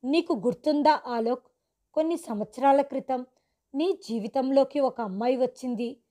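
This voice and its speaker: A tearful, grave older mother speaking gently but firmly to her son, voiced by a woman narrator. Her voice is high, with a dark, mellow color. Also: moderate pace, close to an everyday voice. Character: grieving older mother revealing a secret.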